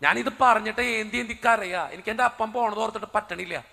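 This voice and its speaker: A priest preaching a sermon as a personal story, acting out the dialogue with drama. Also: male voice, sits high, fairly quick, vocal fry, pushed and bright, big-room sound.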